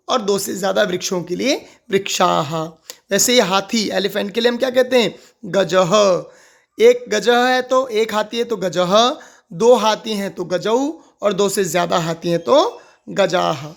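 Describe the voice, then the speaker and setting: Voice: mid-range voice, creaky. A teacher explaining a grammar lesson, asking questions aloud and answering them, repeating each key word several times. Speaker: Sanskrit teacher.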